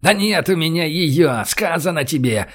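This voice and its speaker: A man's voice: a little high, animated, a little slow, fairly bright tone, breathy edge, voice pushed up, heavily acted. A man voicing a cornered gang boss who is tense and scared, pleading and lashing out. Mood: desperate.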